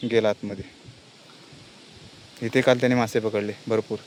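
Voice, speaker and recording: A man's voice: on the low side, level tone, moderate pace, darkish tone, slight background noise. A man giving a plain, explanatory tour of a village lake outdoors, filmed on a handheld phone. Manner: plain explanatory tour-guide talk, pointing things out. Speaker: village vlogger. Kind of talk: casual walk-and-talk vlog.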